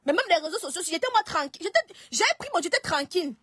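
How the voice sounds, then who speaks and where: Woman streamer, high-pitched, hesitant casual live talk. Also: lively intonation, fast, fairly bright tone, no room sound. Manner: hesitant, restarts and pleads.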